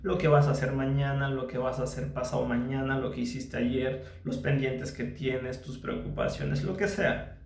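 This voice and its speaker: A man's voice: mid-range voice, level tone, normal speed, creaky, roomy sound, slight background noise. A man, a psychologist, teaching a mindfulness lesson patiently, repeating his phrases and checking in with the listener by asking small questions.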